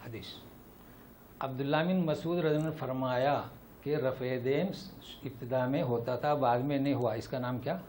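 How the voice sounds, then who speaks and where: A man's voice: mid-range voice, steady tone, a little mellow, a little hiss or hum. A male Islamic teacher giving a Quran lesson and answering questions. He talks with emphasis and keeps repeating rhetorical questions to drive his point home.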